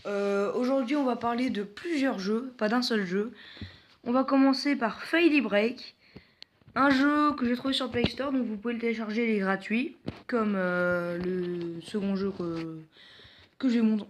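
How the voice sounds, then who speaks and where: A man's voice: sits high, unhurried, slight background noise. A man presenting mobile games in casual gameplay commentary, hesitant and full of filler sounds, with self-mocking jokes. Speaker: mobile game video host.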